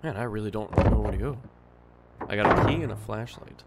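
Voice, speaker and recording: A man's voice: fairly low pitch, a little fast, heavy background noise. A man casually commenting while playing a horror game, thinking aloud and puzzled at times. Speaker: gaming streamer. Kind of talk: casual let's-play commentary. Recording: game music playing loud behind.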